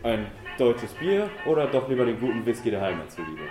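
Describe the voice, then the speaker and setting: A man's voice: mid-range voice, very animated, fairly quick, natural voice. A man voicing a sly stranger who pries at a fellow guest over drinks. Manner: sly, insinuating. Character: probing man at a ship's bar, sly and smooth. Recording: echoey room with clear music behind.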